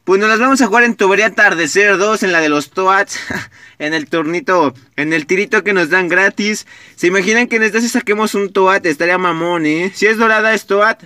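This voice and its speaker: A young man with a Mexican Spanish accent giving casual, excitable gameplay commentary, swearing often and talking straight to his viewers. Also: high-pitched, fairly quick, dry recording. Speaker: gaming YouTuber.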